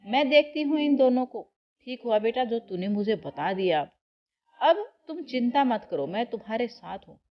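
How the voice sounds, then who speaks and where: A woman's voice: a little high, animated, moderate pace, dull audio, natural voice. A woman voicing a firm, commanding older mother-in-law in a read-aloud family story. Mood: reassuring.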